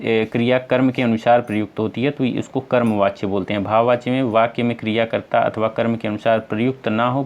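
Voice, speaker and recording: A man's voice: medium pitch, highs cut off. Male exam tutor, North Indian Hindi accent, patient step-by-step explainer. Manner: explains step by step, asks and answers own questions; addresses viewers as friends, many fillers. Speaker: teacher. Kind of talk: exam-prep lesson.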